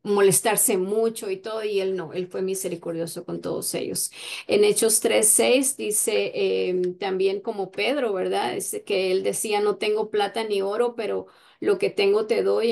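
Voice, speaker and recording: Woman Bible teacher, gravelly mid-pitched voice, chatty and unscripted. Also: darkish tone. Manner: conversational, many fillers and "verdad?" tags.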